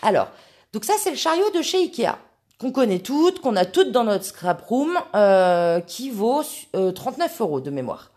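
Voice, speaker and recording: A woman's voice: a little high, sing-song, normal speed, mellow. A woman hosting a live craft tutorial, chatting while she works and answering viewers by name. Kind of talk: live craft demonstration with chat replies. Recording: echoey room.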